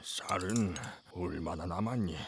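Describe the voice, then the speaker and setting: A man's voice: deep voice, a little slow, creaky, a little hiss or hum. An actor playing a very old, protective grandfather with a bad back in an audio drama, sighing as he speaks. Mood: weary, apologetic.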